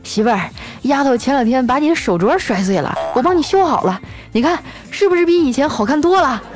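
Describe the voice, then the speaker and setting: A woman's voice: sits high, lively intonation, a little fast, a little mellow, soft background music, pitched above the performer's own voice. A woman voicing her flustered, henpecked older father. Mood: eager.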